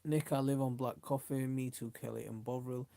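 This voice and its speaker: Mid-range and dark-toned, this man's voice carries vocal fry, a fairly even intonation and a moderate pace, with no echo. He's a middle-aged South Yorkshireman with a Yorkshire accent, rambling informally as a live stream host and reading comments out like a mate.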